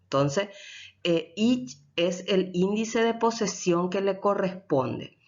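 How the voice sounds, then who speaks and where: A woman teaching Guaraní grammar in a lecture, explaining slowly and often checking with her listeners. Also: medium pitch, animated, darkish tone. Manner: switches between Spanish and Guaraní. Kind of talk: recorded language lecture. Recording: dull lo-fi recording.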